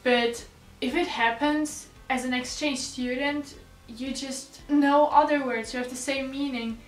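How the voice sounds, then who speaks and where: With a high, steady voice and a slightly slow pace, a teenage exchange student from South Tyrol, Italy, chats to her vlog viewers. German is her native language and she has a South Tyrolean accent. The room echoes, the mic is distant, and music plays in the background.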